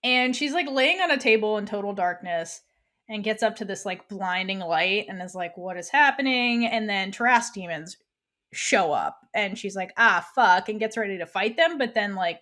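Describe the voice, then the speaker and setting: A woman's voice: mid-range voice, expressive, normal speed, bright, forceful tone. A woman co-hosting a podcast, chatting casually as she retells an episode and acts out the characters' lines. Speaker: podcast co-host. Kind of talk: casual chat recapping a TV episode.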